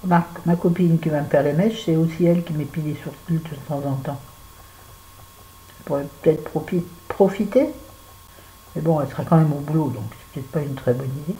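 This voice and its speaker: A woman's voice: low voice, brisk, warm tone, slight background noise, rough recording. A French woman chatting casually through a make-up tutorial, talking to viewers and to herself as she works. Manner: chatty, talks to herself while working. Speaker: beauty vlogger.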